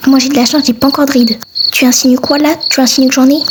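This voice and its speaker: A woman's voice: sits high, level tone, fast, heavy background noise. A young woman doing a comedic amateur fan dub, voicing several characters in a brash, slangy manner.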